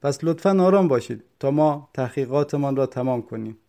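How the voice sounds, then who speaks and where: A man's voice: mid-range voice, animated, warm tone, lightly acted. A man voicing a stern, mocking police officer during an interrogation. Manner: cold, mocking.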